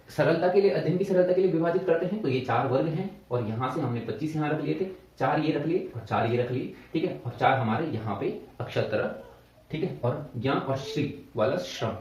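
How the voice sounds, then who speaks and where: A man's voice: medium pitch, a little mellow. A male teacher explaining grammar step by step, often checking back with his students. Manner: explains step by step, repeating "ठीक है" and asking questions back. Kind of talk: exam-prep grammar lesson. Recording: echoey room, mic at a distance.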